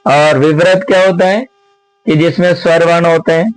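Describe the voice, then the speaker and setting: A man with a fairly high voice talks through exam questions in a Sanskrit grammar lesson. He explains slowly, repeats each answer and keeps asking his students rhetorical questions. The recording is dry, with almost no room sound. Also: fairly even intonation, no room sound, low-quality recording. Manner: slow, repetitive explaining with many rhetorical questions.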